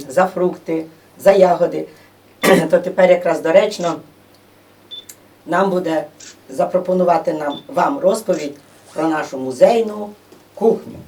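A woman's voice: fairly low pitch, a little slow, long pauses, dark tone. A woman giving an informal, chatty talk to an audience in a museum room, explaining things with many fillers. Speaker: presenter at a museum gathering. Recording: distant room microphone.

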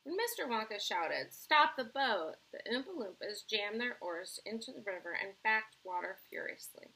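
A woman teacher reads a children's chapter book aloud in a friendly, expressive storytelling manner. Her voice is bright and forward with a gravelly fry and a slightly husky edge. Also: mid-range voice, moderate pace, poor audio. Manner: expressive, friendly storytelling with small self-corrections.

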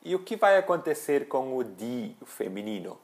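A man teaching a language lesson, saying example phrases slowly and deliberately. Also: mid-range voice, big pitch swings. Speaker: German teacher.

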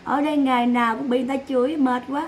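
A woman mocking a tired grown son who softly begs his mother to let him go. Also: high-pitched, fairly even intonation, very fast, slight background noise, lightly acted. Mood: pleading.

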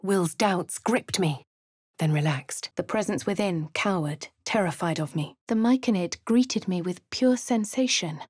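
These fantasy game voice lines come from an actress playing the posh female adventurer the player controls. Her lowish, slightly mellow voice moves unhurriedly, narrating and remarking with refined, composed dryness in crisp upper-class English. There's no room sound.

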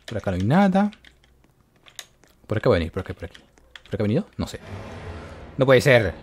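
A man giving excited gameplay commentary to his viewers, yelping and shrieking when he gets caught. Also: fairly low pitch, quick pace, a little hiss or hum. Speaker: gaming YouTuber.

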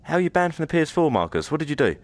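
A man's voice: fairly high pitch, sing-song, rapid-fire. A man giving chatty, joking live commentary while streaming a horror game. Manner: chatty, joking, reads game lines aloud. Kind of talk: live let's-play commentary.

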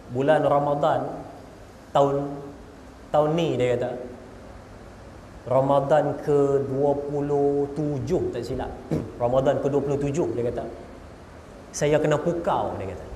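A man's voice: medium pitch, little pitch movement, slow pace, long pauses, warm tone, slight background noise. A male preacher with a Malaysian Malay accent, giving a humorous religious lecture and speaking straight to his audience with joking stories. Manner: joking, storytelling, addresses audience directly. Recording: echoey hall with long reverb.

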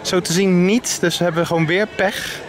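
A man's voice: high voice, fairly even intonation, normal speed, background noise. A young adult man, chatting casually and enthusiastically to viewers as a vlogger, recorded outdoors on a handheld camera. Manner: enthusiastic, informal, addresses viewers often. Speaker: vlogger reviewing theme park rides. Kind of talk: casual vlog chat to viewers. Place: outdoors in an amusement park. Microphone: handheld camera at arm's length. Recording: outdoor camera audio under prominent music. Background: music.

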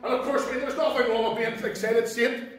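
A Northern Irish man, a pastor preaching an impassioned sermon that swings from soft asides to shouted exclamations. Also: very high-pitched, steady tone, fairly quick. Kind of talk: fiery Pentecostal sermon. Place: church hall. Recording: very echoey hall from far off.

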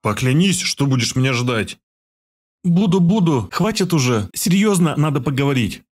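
A man voicing a shy, earnest young female healer in a raised, soft voice for an audiobook. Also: very animated, moderate pace. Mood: playful. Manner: high, soft and pleading.

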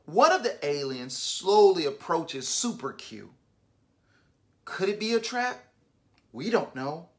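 A man reads a children's adventure book aloud in a slow, unhurried way, his pitch swinging widely as he brings the story to life. He stops often to quiz his young listeners, like a storyteller at an online story hour. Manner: animated, asks the listeners questions.

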